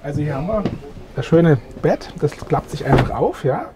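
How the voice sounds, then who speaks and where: With lots of "ähm"s, a middle-aged sales manager pitches a camper van while guiding an interviewer through it at a trade fair, recorded close inside. He sounds animated at a moderate pace, and the background is noisy.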